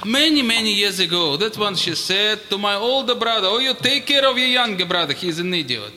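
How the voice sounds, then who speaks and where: A man playing a grumpy middle-aged immigrant father with a Moldovan accent, talking in blunt, deadpan broken English for a comedy sketch. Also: high voice, brisk, heavily acted. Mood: gruff. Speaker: immigrant neighbor character.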